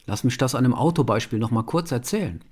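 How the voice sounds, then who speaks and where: A man gives a conversational self-help talk directly to the listener, posing rhetorical questions and ending sentences with a questioning "ja?". His voice is husky, expressive and fast, at a medium pitch.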